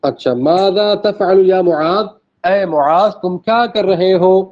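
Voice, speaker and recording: A male teacher giving a classroom language lesson, explaining each word step by step, repeating phrases and checking in with his students. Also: high voice. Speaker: Arabic teacher. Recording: dull lo-fi classroom recording.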